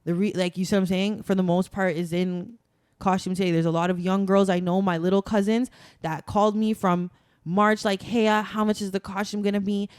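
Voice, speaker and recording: A young adult woman from Toronto, Canada, appears as a guest on a casual podcast, talking about being a carnival masquerader. Her smooth, dry, mid-range voice is steady, fairly quick, and a little mellow, and she's chatty and emphatic with lots of "like" fillers. There's no echo.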